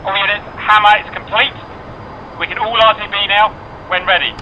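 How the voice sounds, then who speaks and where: A man's voice: high voice, fairly even intonation, a little fast. A man making clipped radio calls as a strike flight lead in a multiplayer flight sim, heard over a game radio channel. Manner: clipped radio procedure talk. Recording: muffled noisy radio line.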